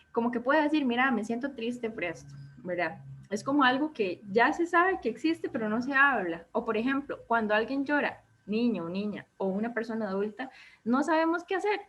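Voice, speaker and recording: A woman therapist with a Costa Rican accent leading a self-esteem workshop in a relaxed conversational way. She keeps checking in with her listeners and acts out quoted thoughts in a raised voice. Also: a little high. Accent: Costa Rican Spanish. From Costa Rica. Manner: conversational, checks in with frequent "¿ok?" and "¿verdad?". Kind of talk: live online workshop talk. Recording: dull lo-fi sound with faint background noise.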